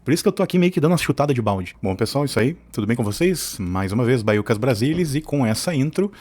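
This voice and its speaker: Speaking quickly and with animation, this host of an opinion channel has a medium-pitched, slightly mellow voice. He comes from southern Brazil and argues his views in a colloquial, opinionated way, often wandering off into side remarks.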